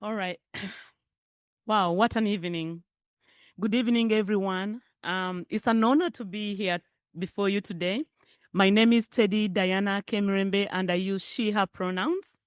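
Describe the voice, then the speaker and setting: A middle-aged Ugandan woman gives a keynote in a chatty, conversational way. Her voice is smooth and clear. The sound is dry and close. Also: mid-range voice, steady tone, normal speed, dry recording. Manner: warm, conversational, laughs often. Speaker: keynote speaker. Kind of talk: public speech.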